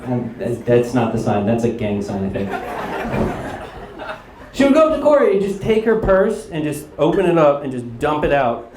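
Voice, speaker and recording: A young man doing stand-up storytelling on stage, animated and acting out other people's lines. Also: fairly high pitch, moderate pace, noisy background. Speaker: stand-up comedian. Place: comedy stage before a laughing audience. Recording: roomy live club with crowd laughter.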